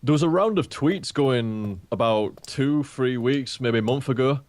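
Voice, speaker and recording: A man's voice: medium pitch, darkish tone, dry recording. A man in his late twenties chatting and laughing easily with a fellow streamer on a live stream. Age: 20s. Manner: laughing, chatty, quick banter. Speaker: gaming streamer. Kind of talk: casual chat on a live stream.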